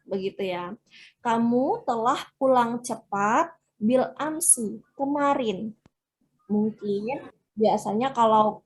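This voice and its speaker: A woman teaching an online Arabic class, explaining each phrase step by step with many fillers. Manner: acts out dialogue lines with lively raised pitch.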